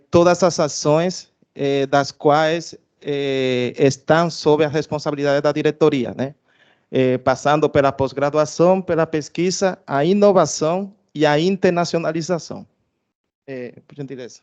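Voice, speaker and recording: A man's voice: fairly high pitch, darkish tone, clean tone, muffled recording. A man from Cuba with a Cuban Spanish accent, a research director giving a formal institutional presentation, hesitating often with filler sounds and restarts.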